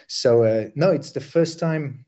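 A man originally from Bosnia, a war correspondent reporting from the field, speaking haltingly with many fillers and restarts. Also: medium pitch, mellow.

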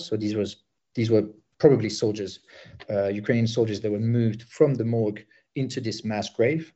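Bosnian-born male war correspondent, halting field report, dark voice over a dull line. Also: mid-range voice. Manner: halting, many fillers and restarts.

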